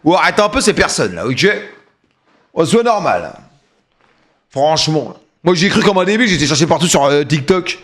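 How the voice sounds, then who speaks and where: A middle-aged man chatting and joking on a live stream, with loud hype bursts. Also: fairly high pitch, big pitch swings, normal speed. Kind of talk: casual live-stream chat.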